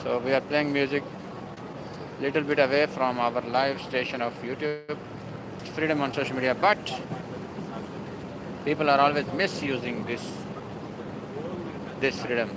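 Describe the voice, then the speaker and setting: A man's voice: mid-range voice, fairly even intonation, unhurried, pauses often, background noise. A man hosting a casual live stream, talking in a rambling, emphatic and repetitive way. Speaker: livestream host.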